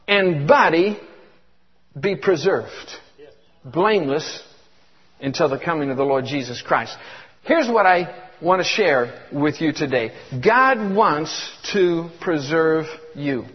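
Fervent high-voiced preacher man in his 50s. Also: husky. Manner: fervent, repeats words, calls for congregation responses. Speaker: guest preacher. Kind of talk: sermon. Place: church. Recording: echoey hall, dull lo-fi sound.

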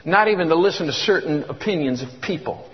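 A man's voice: a little high, expressive, fast talker, slightly rough. A man in his fifties preaching a sermon as a guest preacher, fervent, repeating words and calling for congregation responses. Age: 50s. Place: church. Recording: echoey hall, dull lo-fi sound.

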